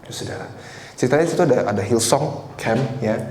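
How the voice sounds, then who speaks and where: A man's voice: medium pitch, fast talker, darkish tone. A man in his twenties giving a conversational sermon, telling a personal story and often turning to address the congregation. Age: 20s. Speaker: preacher. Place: church hall. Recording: echoey church hall with faint noise.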